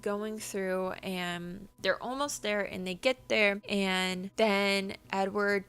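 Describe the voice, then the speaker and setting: A young woman ranting about a book in a casual, profane, late-night chat, full of "like" fillers. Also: medium pitch. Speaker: book reviewer and artist. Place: home, drawing while screen sharing.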